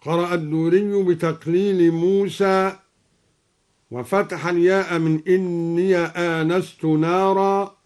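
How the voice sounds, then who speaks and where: A man explaining Quranic reading variants in a measured, scholarly way and chanting each verse slowly and melodically as an example. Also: sits high, fairly even intonation, darkish tone. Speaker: Quran recitation teacher introducing radio episodes. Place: radio studio.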